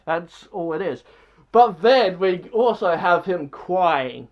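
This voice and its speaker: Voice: mid-range voice, animated, slow pace, muffled recording. A movie reviewer talking casually and bluntly, rambling with lots of filler words. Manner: blunt and dismissive.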